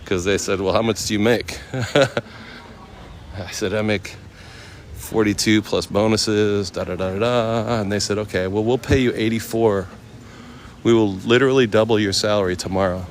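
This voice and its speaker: In a lowish voice with fairly even intonation and a normal pace, an American man in his forties from the West Coast, a chef and livestreamer, tells easygoing, slang-heavy stories to live viewers. He is walking outdoors in a temple complex, and the audio includes outdoor noise and passing vehicles.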